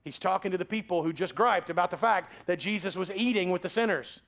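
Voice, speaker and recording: A man's voice: sits high, quick pace, vocal fry, fairly bright tone. A man in his forties preaching a sermon as pastor, in a conversational, joking way.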